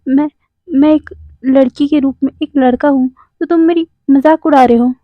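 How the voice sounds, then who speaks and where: A woman's voice: sits high, fairly even intonation, normal speed, no echo, close to an everyday voice. A woman voicing a hurt, defensive young man who stammers and breaks off his words. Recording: dry, tinny phone-like sound.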